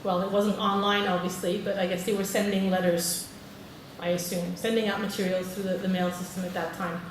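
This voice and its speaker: Presenting at a conference in a large echoey hall, this British teacher trainer speaks fairly quickly in a medium pitch with little pitch movement. She's friendly, polls her listeners and says "okay" often. A distant mic and noise degrade the sound.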